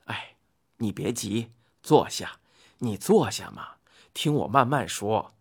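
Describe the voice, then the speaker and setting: Hou Yi, a woman doing a low calm hunter. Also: slight background noise. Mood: soothing. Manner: soft, placating, slow.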